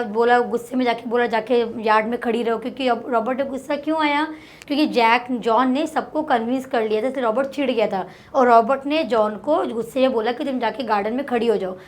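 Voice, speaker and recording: Indian accent, female tutor, high voice, slow read-aloud then explanation. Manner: reads English lines slowly, then explains in Hindi. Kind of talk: explaining a textbook lesson.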